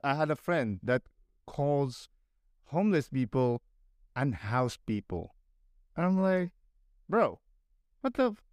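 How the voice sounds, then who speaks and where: A young Filipino man with a Filipino accent guests on a casual podcast, speaking bluntly and animatedly, swearing and mocking people in put-on voices. His voice is medium-pitched, recorded dry in clean studio sound.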